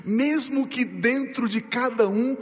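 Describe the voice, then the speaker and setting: A male pastor preaching a sermon, asking the congregation rhetorical questions and slowing down and dropping low to stress his points. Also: in a large hall, slight background noise.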